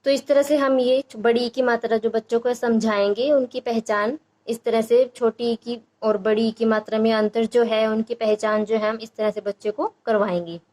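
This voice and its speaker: A young woman teaching a phonics lesson, with a fairly high voice. She breaks words into syllables and draws each sound out slowly and patiently. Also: steady tone, a little mellow. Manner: slow, drawn-out syllable-by-syllable sounding out. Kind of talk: Hindi phonics lesson for parents.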